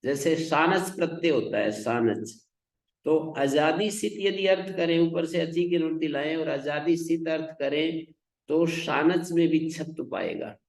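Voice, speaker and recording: A man's voice: a little high, creaky, reverberant, rough recording. A man teaching Sanskrit grammar, reciting rules and then explaining them in a classroom lecture.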